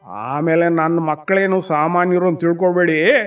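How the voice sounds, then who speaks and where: A man voicing a calm, resolute mother of five sons who reassures her neighbours in a children's radio story. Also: on the high side, moderate pace, smooth, far from the mic, faint music behind, close to an everyday voice. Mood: reassuring. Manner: reassuring, steady.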